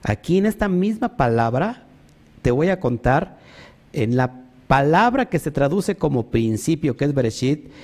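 A man teaching a sermon, stressing points emphatically, often calling out to the congregation and pausing with fillers as he searches for words. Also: on the high side, big pitch swings, darkish tone. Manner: emphatic, repeats "ojo" and "amén", talks to the congregation. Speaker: preacher.

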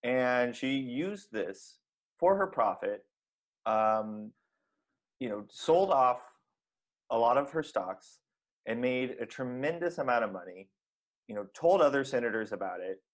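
Guy on a comedy podcast, mock serious, rambles, lots of you knows, ordinary pitch. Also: expressive, unhurried, long pauses. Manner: rambling, earnest, many fillers. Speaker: podcast co-host.

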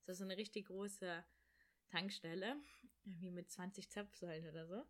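A young woman in casual chat, telling a travel story in an animated way and acting out the voices of people in it. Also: lowish voice. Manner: animated, rushed, acts out quoted voices. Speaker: storyteller guest.

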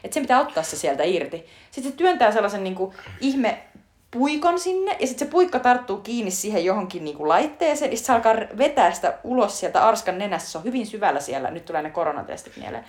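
A woman's voice: mid-range voice, big pitch swings. A woman in casual chat, eagerly retelling film scenes with many fillers. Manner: chatty retelling full of fillers, breaks into laughter. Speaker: podcast co-host discussing a film.

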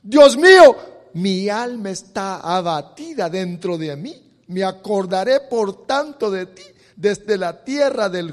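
A man preaching an emotional sermon, swinging from soft talk to loud, fervent scripture reading. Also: high voice. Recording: long hall reverb.

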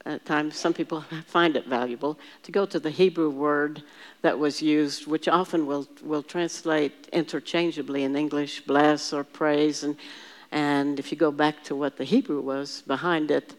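With a low, steady voice at a moderate pace, a woman patiently explains words individually to her Bible study class and has them say each one back. She often restarts sentences while thinking aloud.

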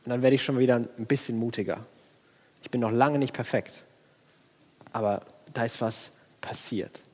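A man preaching a sermon in an earnest, pleading way, dropping soft and then rising in bursts. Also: medium pitch, normal speed, slightly rough, long reverb tail.

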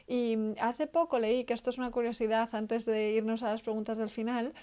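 Measured woman interviewer with higher voice. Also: fairly even intonation, dark tone, clear, resonant tone. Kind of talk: interview questions.

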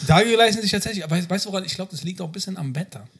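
A man's voice: high voice, expressive, racing, a bit bright, breathy edge. A man co-hosting a podcast who chats casually, in a playful, teasing way. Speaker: podcast host. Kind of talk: casual chat. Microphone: own microphone, recorded remotely.

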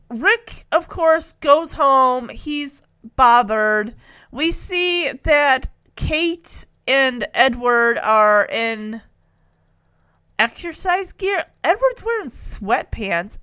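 Slow-talking high-voiced woman recapping. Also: pushed and bright. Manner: chatty, acts out lines with "like" quotes. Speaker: podcast host recapping a sitcom episode. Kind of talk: casual recap chat.

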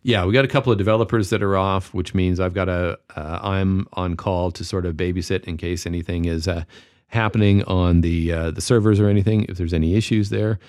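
Man, very low voice, tired, rambling chat with many fillers, dry close sound. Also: steady tone, brisk, darkish tone, smooth, dry recording. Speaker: podcast co-host. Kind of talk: casual chat.

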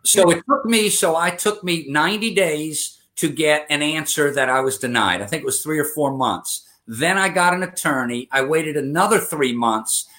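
A man in his fifties with a slightly high, somewhat bright voice is the guest in a conversational interview. He speaks earnestly, peppering his answers with fillers and restarts.

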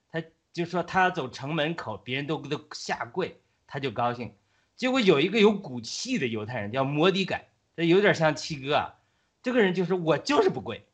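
A man's voice: fairly high pitch, fairly bright tone. A man who is a guest on a talk show, animatedly retelling a story in casual speech with frequent fillers and restarts.

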